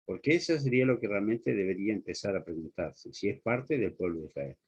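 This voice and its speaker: A man's voice: fairly low pitch, expressive, a little fast, darkish tone, husky. A man preaching a sermon, speaking earnestly and putting pointed rhetorical questions straight to the listener. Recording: dull lo-fi recording.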